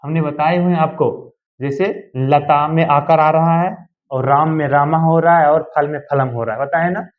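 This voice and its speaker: A man's voice: fairly high pitch, steady tone, normal speed. Man teaching a grammar lesson, muffled. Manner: explains step by step and keeps checking if students follow. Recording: dull lo-fi sound.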